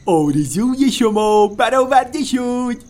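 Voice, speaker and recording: A man's voice: very high voice, lively intonation, darkish tone, pitched above the performer's own voice. A man voicing an eager pink demon from a magic lamp who talks about himself in the third person. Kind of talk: storybook narration.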